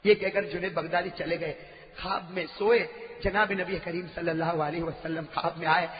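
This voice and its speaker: A man Islamic preacher telling stories in a sermon, swinging from hushed tones to loud shouting. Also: high voice, steady tone. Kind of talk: sermon with storytelling. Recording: echoey hall, muffled sound.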